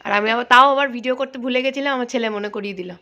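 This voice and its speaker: A young woman vlogger narrates a casual family video, chatting informally to viewers and mixing in English greetings. Her voice is a little high, racing and sharp, on dull lo-fi home footage with faint noise.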